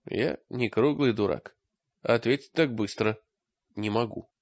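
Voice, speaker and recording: A man's voice: mid-range voice, measured pace, no room sound, natural voice. A man voicing an anxious, earnest young wise man who asks worried questions, recorded with a dull lo-fi sound.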